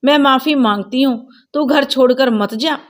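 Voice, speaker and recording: A woman voicing a gentle older mother-in-law in a storybook tale, speaking softly and apologetically. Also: high-pitched, moderate pace, voice pushed up, close to an everyday voice. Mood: pleading. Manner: soft, pleading, apologetic.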